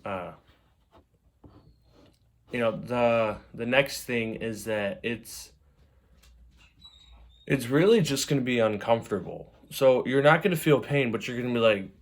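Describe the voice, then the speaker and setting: A man's voice: mid-range voice, normal speed. A man talking casually and unscripted to camera, giving advice from his own experience in a rambling, conversational way. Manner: rambling, conversational, repeats "you know". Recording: clearly noisy background with clicks.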